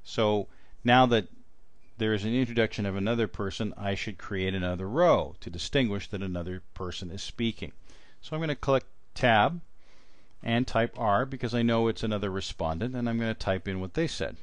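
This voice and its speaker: A man with a fairly low voice talks through a software tutorial step by step. The sound is close and dry, with keyboard typing. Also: normal speed, no echo. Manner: explanatory, spells out each step. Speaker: transcription trainer. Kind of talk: instructional screen-recording tutorial with dictation while typing.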